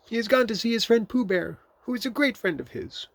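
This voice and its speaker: A man's voice: sits high, big pitch swings, fairly quick, gravelly, dry recording, pitched above the performer's own voice, full character voice. A man voicing a fussy, cautious, evasive rabbit in a children's storybook, speaking in a prim, polite, clipped way.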